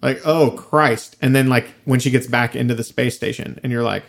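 A man's voice: medium pitch, level tone, fast, gravelly. A young man co-hosting a podcast, talking casually and rambling with lots of fillers and swearing. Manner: rambling, profane, many fillers. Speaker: podcast co-host. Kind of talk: casual chat.

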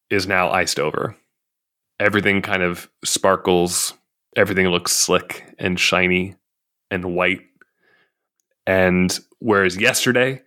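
Deep, even-toned man narrating like a sleep story. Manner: measured, scene-setting, lingering over phrases. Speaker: game master and game creator.

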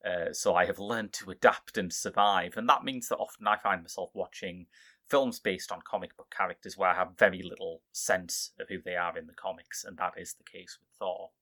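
A man co-hosting a casual podcast chat about films, with a wry, measured way of talking. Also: sits low, steady tone, a bit bright. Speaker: podcast co-host. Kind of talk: casual film review chat.

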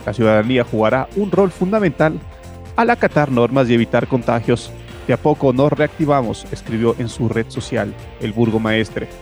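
Man, sports news presenter, scripted reading, medium pitch, faint music bed. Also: animated, moderate pace, darkish tone.

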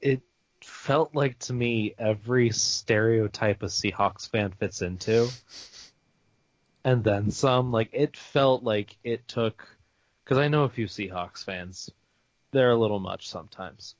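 A man with a fairly low voice chats on a podcast in a halting way, stopping to find his words. He is recorded dry and close. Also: no room sound, low-quality recording. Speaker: podcast co-host. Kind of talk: casual chat.

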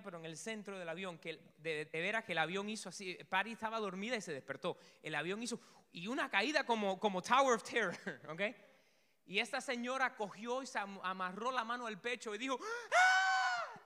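Animated high-voiced man preaching in a reverberant hall. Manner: animated, acts out story scenes and shouts. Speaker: pastor. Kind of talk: sermon.

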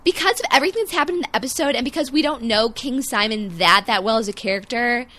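A woman's voice: a little high, fast, sharp tone. A woman co-hosting a podcast, chatting casually and animatedly about a TV show, with frequent "um" and "like". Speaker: podcast co-host. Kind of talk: casual chat.

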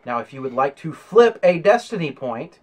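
A man's voice: a little high, very animated, moderate pace. A man narrating a tabletop game as game master, rambling with many fillers and restarts.

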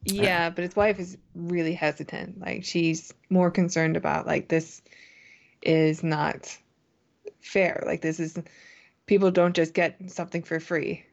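Gravelly co-host on dull lo-fi audio. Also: medium pitch, level tone, measured pace. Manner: wry, joking asides. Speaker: podcast co-host. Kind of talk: casual chat.

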